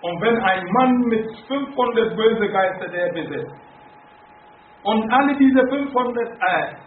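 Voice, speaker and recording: A man preaching a sermon in halting German, asking rhetorical questions and reading Bible verses aloud in English. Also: high voice, animated. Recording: roomy, phone-like, distant, faint hiss.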